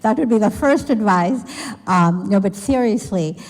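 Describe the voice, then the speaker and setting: A woman's voice: mid-range voice, expressive, moderate pace, a little mellow. A woman speaker on a business panel giving candid, joking advice to an audience. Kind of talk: panel talk answering a question. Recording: echoey event hall.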